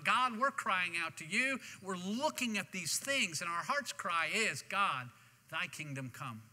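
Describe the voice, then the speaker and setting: A male pastor delivers a sermon in an animated, restarting manner. His voice sits high and rings very bright. A long hall reverb trails every phrase. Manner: animated preaching with repeated restarts. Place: church sanctuary.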